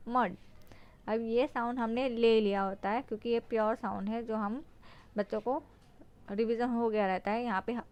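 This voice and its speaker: Woman, phonics teacher, unhurried pace, clear smooth tone, spells out letters then reads the word. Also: medium pitch, darkish tone. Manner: spells words letter by letter, then sounds them out. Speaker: teacher explaining phonics to parents.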